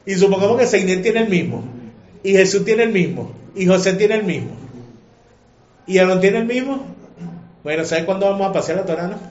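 A man teaching a religious class in an animated, emotional way, often firing questions at his listeners. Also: high voice, fairly quick, long pauses. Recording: echoey room, muffled lo-fi sound.

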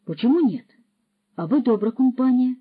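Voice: high-pitched, expressive, normal speed, husky, phone-quality sound, voice pushed up. A narrator doing a naive young lad. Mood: hesitant. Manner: hesitant, short questions. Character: naive young man joining thieves.

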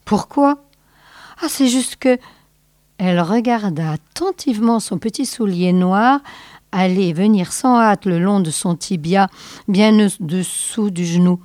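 A woman radio host reading a short story aloud, slow and measured. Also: medium pitch, a little mellow, no echo, studio quality.

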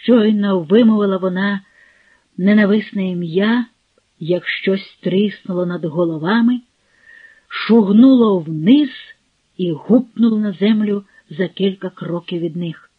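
A woman narrating an audiobook with expressive storytelling. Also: mid-range voice, a little slow, no room sound. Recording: phone-like, dry, husky.

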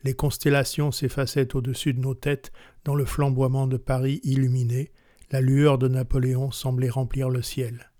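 A man's voice: medium pitch, level tone, moderate pace, warm tone, dry recording, studio quality. Man reading literature solemnly. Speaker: narrator.

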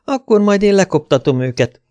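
A man's voice: sits high, animated, dark tone, voice pushed up. A man reading an audiobook, voicing a cool, alluring woman who is Death personified, speaking in a self-assured way. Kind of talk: audiobook character voice.

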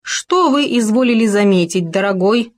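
A woman's voice: medium pitch, expressive, moderate pace, lightly acted. Woman doing a sugary, affected male hamster. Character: pompous male hamster with fake manners.

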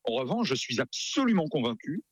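On live radio, a male geopolitics expert offers emphatic but halting analysis, repeating words while he hunts for the next one. His voice is medium-pitched and sing-song with a breathy edge, and there is no echo.

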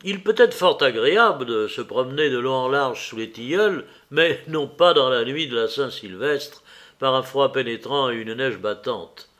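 A man reading a classic fantastic tale aloud in a measured, expressive way. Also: medium pitch. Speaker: audiobook reader. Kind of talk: literary audiobook narration.

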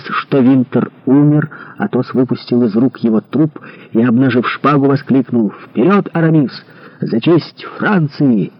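A man reads an adventure novel aloud with dramatic expression. His voice is husky and mid-pitched, and the recording sounds slightly dull and lo-fi. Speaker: audiobook narrator. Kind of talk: scripted narration.

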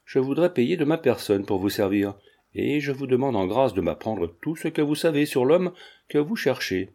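An eager young man offers his help with earnest devotion, read by a man in an audiobook. The voice is mellow and formal. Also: mid-range voice, animated, normal speed.

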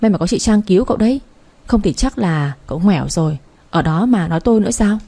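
A woman's voice: medium pitch, animated, fast talker, mellow. A woman voicing an anxious, earnest young man in a storybook reading. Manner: fretful, pleading.

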